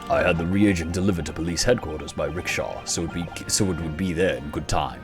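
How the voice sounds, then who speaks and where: A man reading story game dialogue aloud in a measured, formal way. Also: low voice, over music.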